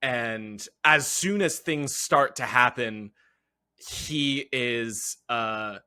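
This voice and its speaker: A man playing a tabletop role-playing game, excitable and quick to laugh. His voice is bright and forceful, and he talks slowly, padding it with filler words as he describes what his character does. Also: medium pitch, smooth.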